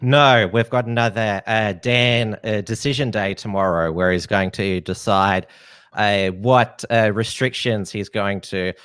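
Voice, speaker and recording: A man hosting a live political stream in a smooth, resonant voice. He talks in a halting way with lots of fillers, and the sound is dry and close. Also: fairly low pitch, fairly even intonation, fairly bright tone, no room sound. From Australia. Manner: hesitant, many uh fillers. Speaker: host.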